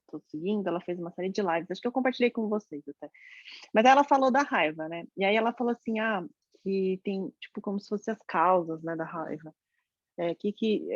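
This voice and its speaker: A woman's voice: lowish voice, dry recording. A woman in a casual book group talk, thoughtful and hesitant. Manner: thoughtful, hesitant, many restarts. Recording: dull, dry lo-fi sound.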